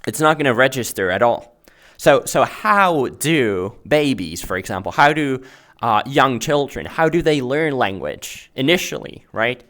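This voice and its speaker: In a VR chat world, a math teacher and host whose first language is Finnish explains things casually, groping for words and frequently asking "right?". He speaks unhurriedly in a mid-range, sing-song voice that's a bit bright.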